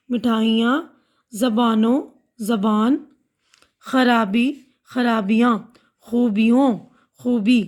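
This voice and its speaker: A woman's voice: fairly high pitch, a little mellow. A woman teacher patiently walking students through a school lesson, repeating and explaining each word. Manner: patient, repeats and glosses words.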